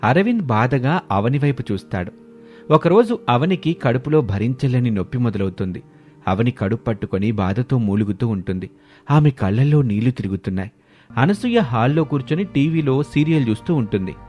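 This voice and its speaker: A man's voice: mid-range voice, expressive, a little fast, a little mellow, breathy edge, faint music behind. Man narrating a family story.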